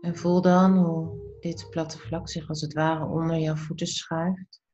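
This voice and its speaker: A woman leading a slow guided meditation in a soft, soothing, unhurried voice that turns breathy at the ends of phrases, with pauses between short phrases. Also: low voice, flat delivery, lo-fi sound, soft background music.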